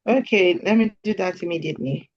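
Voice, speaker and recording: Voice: mid-range voice, fairly quick, no echo, highs cut off. A host on a video call handing over to the speaker and checking audio and screen sharing with brief, practical remarks. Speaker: webinar host. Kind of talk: hosting an online meeting.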